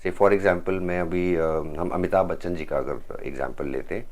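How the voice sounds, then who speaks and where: A man's voice: low voice, fairly even intonation, moderate pace. A man teaching voice-over technique in a vlog, slipping English phrases into his talk and demonstrating lines with added emphasis. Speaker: voice-over coach.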